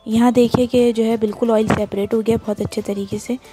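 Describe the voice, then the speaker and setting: Faint music sits behind this cooking channel host, a woman with a Pakistani Urdu accent whose voice is a little high, dark and level, moving at a fairly quick pace. Cooking in her kitchen, she explains a home recipe step by step in a plain, teaching manner.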